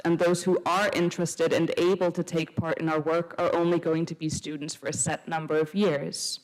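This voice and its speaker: A young woman from Iceland, a student council panelist, answering a panel question in a measured way and citing survey figures with frequent fillers. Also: on the low side, darkish tone, low-quality recording.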